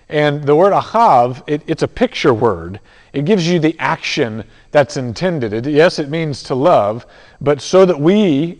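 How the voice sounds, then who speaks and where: A man preaching a conversational sermon, halting with restarts and fillers as he teaches. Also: mid-range voice, a little mellow. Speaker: pastor. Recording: long hall reverb.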